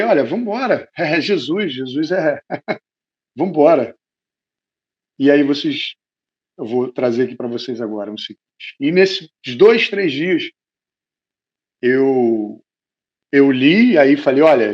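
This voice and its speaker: A man's voice: medium pitch, a little mellow, dull audio. A middle-aged man with a Brazilian Portuguese accent preaching, telling an emotional personal story to his congregation. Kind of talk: sermon testimony.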